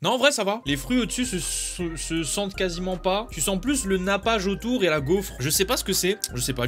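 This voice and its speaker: A young man chatting casually in an unboxing video, excitable and jokey, bursting into loud exclamations and slang. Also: high voice. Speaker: YouTuber.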